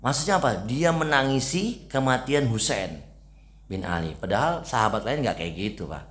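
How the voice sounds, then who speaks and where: A man's voice: medium pitch, lively intonation, normal speed, fairly bright tone. A man preaching at a casual mosque study session, chatty and often asking his listeners questions.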